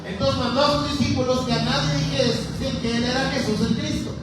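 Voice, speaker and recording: A Mexican man preaching an animated, conversational sermon in a church hall, calling the congregation to repeat after him. His voice sits high and rings through the room. It is picked up from a distant mic, with background noise underneath. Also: fairly quick. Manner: animated, conversational, leads call-and-response.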